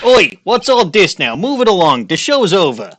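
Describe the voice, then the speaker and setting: A man's voice: high voice, very animated, normal speed, fairly bright tone, slight background noise, voice pushed up. A man voicing a bossy 1930s beat cop in a video game, barking orders to move along. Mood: brusque, bossy. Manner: old-time policeman bark. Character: bossy, gruff 1930s beat cop shooing people away. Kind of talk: amateur video game voice-over.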